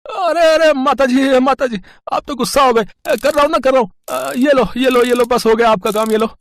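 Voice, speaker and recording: A man's voice: very high voice, brisk, no room sound. Man doing a cheeky, chuckling young electrician. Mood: sly. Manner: chuckling, wheedling.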